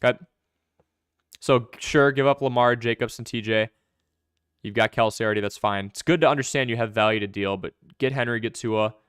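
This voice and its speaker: A young man hosting a live fantasy football stream, answering viewer questions in quick, chatty commentary. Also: medium pitch, fairly bright tone, clear, resonant tone, no echo, clean studio sound. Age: young adult.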